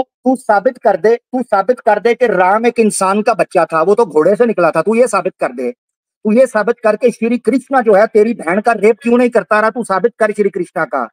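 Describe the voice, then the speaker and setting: A man's voice: sits high, dry recording. A man hosting a livestream debate, taunting and repeating his jabs in a heated call-out. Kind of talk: heated live call-out on stream.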